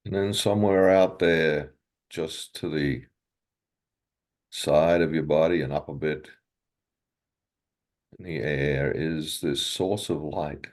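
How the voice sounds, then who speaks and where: Short phrases separated by long pauses mark this man's guided meditation, which he leads in a gentle, unhurried bass voice with a steady tone.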